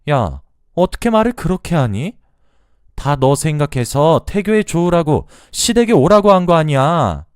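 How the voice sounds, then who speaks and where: A man's voice: fairly low pitch, very animated, normal speed, darkish tone, smooth, no room sound, clean studio sound. A man voicing a pushy, nagging middle-aged mother-in-law in a narrated story. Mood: scolding.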